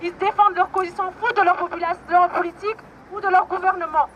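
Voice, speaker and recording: A woman's voice: very high-pitched, fairly even intonation, fast talker, a bit bright, slight background noise. A woman giving a blunt, scolding rally speech outdoors, urging the crowd to get moving. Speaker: rally speaker.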